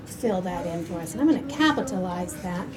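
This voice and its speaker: A woman's voice: on the low side, animated, a little fast, crowd noise. A woman primary school teacher leading an interactive writing lesson, prompting children with instructions and questions. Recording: noisy classroom ambience. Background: room noise and young children.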